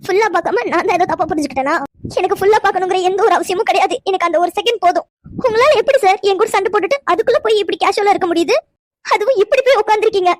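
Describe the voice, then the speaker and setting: A woman's voice: very high-pitched, very fast, no echo, clean studio sound. A woman voicing a young cartoon woman who is hurt and angry with her lover, pressing him with accusing questions. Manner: accusing, tearful, insistent questions. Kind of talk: cartoon voice acting.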